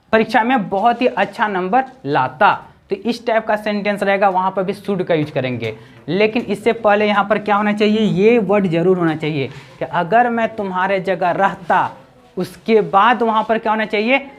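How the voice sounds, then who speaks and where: A woman gives an explanatory grammar lesson. She keeps asking herself questions and answering them. She reads the English example sentences out slowly, word by word. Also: medium pitch. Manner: keeps asking rhetorical questions and repeating key words.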